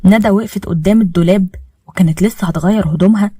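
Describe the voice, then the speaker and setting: A woman with an Egyptian accent reading a romance story aloud in a steady, plain narrating voice. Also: mid-range voice, rapid-fire, husky, no echo, clean studio sound.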